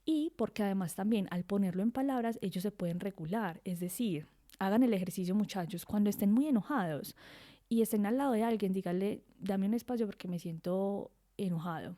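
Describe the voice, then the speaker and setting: A woman's voice: mid-range voice, a little fast, mellow. A young woman, hosting a podcast in an informal, conversational way and often checking in with her listeners. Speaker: podcast host, psychologist. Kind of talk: informal talk on parenting.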